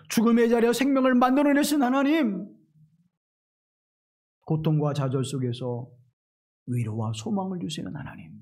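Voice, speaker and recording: High-voiced pastor preaching with swings. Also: male voice. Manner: dramatic swings in pitch and loudness, voicing quoted speech. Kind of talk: sermon.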